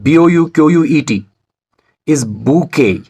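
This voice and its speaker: A male English teacher delivering a scripted video lecture. His voice sits a little higher than most men's, and his delivery is measured, formal and deliberate. He spells words out letter by letter as he explains. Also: mellow, low-quality recording.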